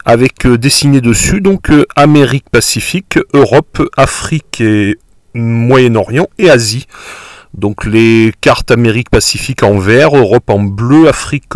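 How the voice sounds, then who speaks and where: A man's voice: mid-range voice, no room sound. A man casually narrating a board game unboxing, hesitant and self-correcting, full of fillers and admiring remarks.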